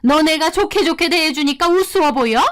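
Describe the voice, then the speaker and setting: A woman voicing a cold, older mother-in-law who scolds with indignant, sharp retorts. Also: high-pitched, a little slow, pitched above the performer's own voice. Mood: scolding.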